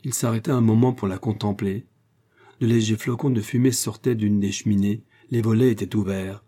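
Male audiobook narrator, measured delivery, low-pitched, dark mellow tone. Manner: steady, measured reading. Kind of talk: scripted narration.

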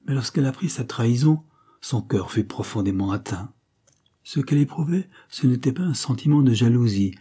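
A man narrating a classic novel as an audiobook, with a measured, literary storytelling delivery. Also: on the low side, mellow, slightly rough. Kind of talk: scripted narration.

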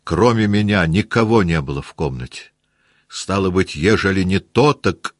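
A man voicing a proud young male cadet who speaks quietly with a strained, trembling voice. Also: sits low, animated, normal speed, no room sound, clean studio sound.

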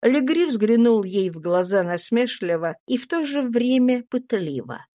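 A woman reading a classic novel aloud as an audiobook narrator, in even, measured storytelling. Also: fairly high pitch, no room sound, studio quality. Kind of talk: scripted literary narration.

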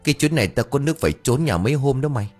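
A man's voice: medium pitch, expressive, rapid-fire, breathy edge, faint music behind, voice pushed up. A man voicing a flustered, scatterbrained young husband who rambles and blusters. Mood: blustering.

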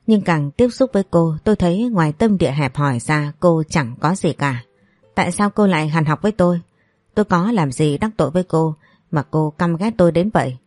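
A woman voicing a calm, dignified young woman who answers firmly. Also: sits low, a little fast, dry recording, clean studio sound. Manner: composed, firm.

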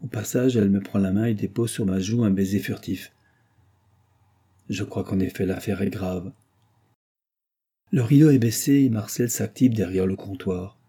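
A man reading a first-person crime novel aloud in a dry, wry, measured way. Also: on the low side, warm tone, slightly rough. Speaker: audiobook narrator.

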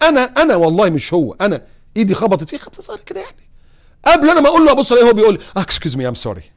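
A man with an Egyptian accent preaching on morals, putting lively rhetorical questions to his audience and telling humorous anecdotes. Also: high voice. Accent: Egyptian Arabic. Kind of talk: religious talk on morals.

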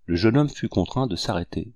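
Low-voiced man reading an audiobook. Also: expressive, darkish tone, no echo, studio quality. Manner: measured, descriptive. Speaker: audiobook narrator.

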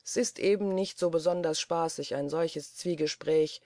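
Sly old manservant, dry and calm, mellow tone, dry sound, read by the narrator. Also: mid-range voice, normal speed, no echo, close to an everyday voice. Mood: bitter. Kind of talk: audiobook character voice.

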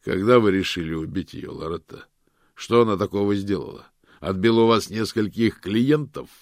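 A man's voice: on the low side, lively intonation, normal speed, a little mellow, no echo, clean studio sound. A man voicing a male police detective who questions in a curt, cold, sarcastic way. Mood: cold questioning.

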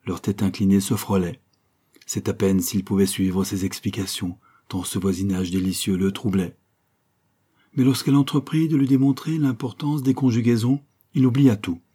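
A man narrating a classic novel as an audiobook in a measured, steady reading. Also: deep voice, breathy edge. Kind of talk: scripted narration.

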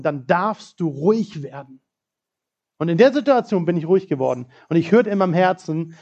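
Gravelly, dark-toned male preacher. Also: a little high, lo-fi sound. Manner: earnest storytelling with quoted prayers. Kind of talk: sermon. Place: church.

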